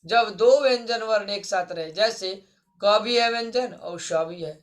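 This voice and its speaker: A man with a high, unhurried voice teaches Sanskrit online to help students prepare for exams. He goes through each point, asks the class something and supplies the answer himself, and refers to his listeners as friends.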